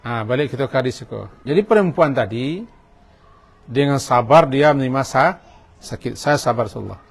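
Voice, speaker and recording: A man preaching a sermon in a mosque, lively, switching between quiet stretches and loud acted-out voices. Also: medium pitch, normal speed.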